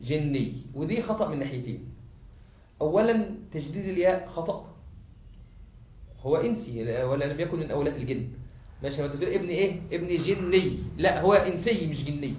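A man with an Egyptian accent, teaching a lesson as a sheikh, often pausing to have students fill in the word and repeating points. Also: on the high side, expressive. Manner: asks the class to fill in words, repeats points. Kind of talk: classroom lesson. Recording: echoey hall, muffled lo-fi.

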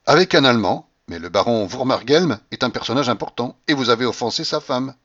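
A man's voice: medium pitch, animated, fairly quick, fairly bright tone, dull audio. A man voicing a pompous, indignant older general who scolds in a majestic tone, in an audiobook reading.

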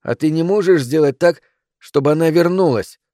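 A man voicing a seven-year-old boy in an audiobook, asking earnest, pleading questions in a raised, childlike pitch. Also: normal speed, mellow, dry recording, studio quality, lightly acted.

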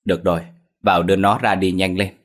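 A man's voice: low voice, flat delivery, quick pace. A man voicing a very old village woman who speaks curtly and knowingly. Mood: stern. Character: near-hundred-year-old village woman, stern and knowing.

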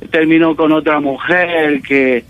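A man playing a boastful doctor on a prank call, calmly explaining and saying "ajá" often. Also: a little high, takes it slowly, narrow, tinny audio, crowd noise. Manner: patient, explaining, lots of "ajá". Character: smug, boastful male doctor.

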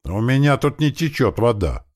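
A male audiobook narrator voicing a frightened young village simpleton who pleads in a high, whiny voice. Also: very animated, moderate pace, a little mellow. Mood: fearful. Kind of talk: audiobook character voice.

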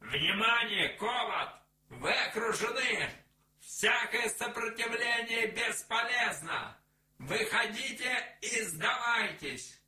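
A man reading a story aloud and voicing a menacing figure who barks orders through a loudspeaker, loud and commanding. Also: very high voice, expressive, voice pushed up, exaggerated voice. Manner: loud, commanding, drawn-out shouting. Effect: shouted as if through a loudspeaker. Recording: echoey room, far from the mic.

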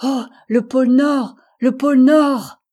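A man's voice: sits high, a little slow, warm tone. A woman playing a feverish, exalted sea captain. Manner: fervent, repeating himself in rapture.

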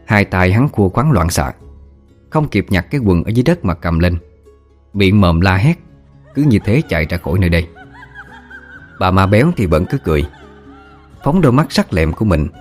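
A man narrating a ghost story as an audiobook, telling it calmly and voicing every character himself. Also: sits low, normal speed, long pauses, soft background music. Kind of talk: storytelling narration doing all voices.

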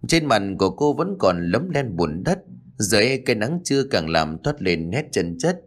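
A man narrating an audiobook story in a measured storytelling manner. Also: on the low side, big pitch swings.

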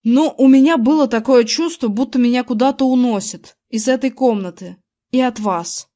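A woman's voice: on the high side, normal speed, mellow, natural voice. A woman doing a brash bragging young boy. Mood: boastful. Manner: whiny, then swaggering and bragging. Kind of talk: audiobook character reading.

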